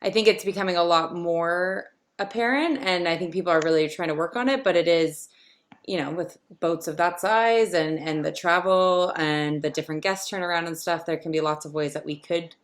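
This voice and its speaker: A woman's voice: lowish voice, normal speed. A woman hosting a podcast, chatty and upbeat, with frequent ums. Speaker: podcast host. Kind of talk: casual podcast chat.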